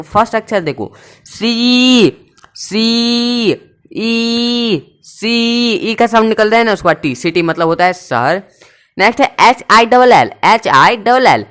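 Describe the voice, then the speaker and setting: A man teaching an English pronunciation lesson, repeating sounds slowly and stressing each syllable, asking and then answering his own questions. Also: high voice, fairly bright tone, clean tone.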